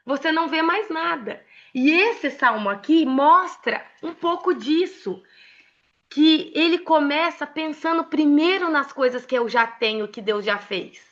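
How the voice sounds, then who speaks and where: Bright-voiced Brazilian woman, emotional storyteller. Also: sits high, unhurried, highs cut off. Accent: Brazilian Portuguese. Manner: emotional and expressive, laughs often. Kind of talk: casual mentoring talk with personal stories.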